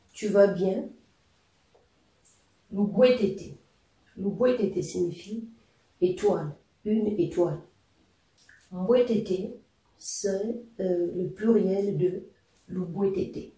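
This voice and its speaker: A language teacher giving a patient, explanatory lesson, often pausing on fillers while spelling out words and examples. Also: mid-range voice, mellow, recorded from a distance. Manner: patient, hesitant with frequent fillers. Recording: echoey room, voice a little off-mic.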